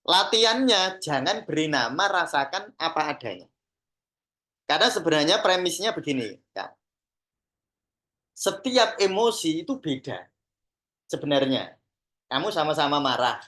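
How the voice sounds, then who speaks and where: A man's voice: on the high side, lively intonation, moderate pace, long pauses, pushed and bright. Javanese-accented man teaching casually. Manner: conversational, mixes in Javanese phrases, acts out examples. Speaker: Sufi teacher and therapist trainer. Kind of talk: informal teaching talk to a class.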